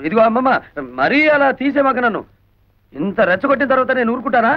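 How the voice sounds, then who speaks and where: An actor playing a brash, teasing young hero in a film comedy. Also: male voice, very high voice, expressive, fast talker, dull audio. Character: cocky young male hero, the nephew.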